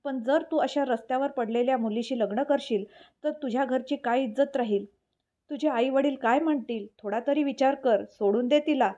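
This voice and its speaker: A woman's voice: high-pitched, moderate pace, mellow, highs cut off, lightly acted. A woman voicing a spiteful, scornful mother who speaks with sneering contempt in a storybook reading. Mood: contemptuous.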